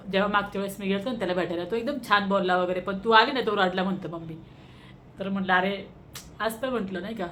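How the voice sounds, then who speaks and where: A woman's voice: fairly high pitch, fairly bright tone, a little hiss or hum. Marathi woman telling a personal story. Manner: emotional, rambling storytelling with frequent fillers. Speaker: vlogger. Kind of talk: casual personal vlog. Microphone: phone.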